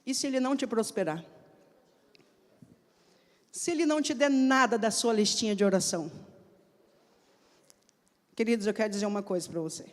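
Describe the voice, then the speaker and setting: A woman preacher giving a sermon with personal testimony, telling her stories slowly and emphatically and acting out the dialogue in them. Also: on the high side. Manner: slow, emphatic storytelling. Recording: long hall reverb.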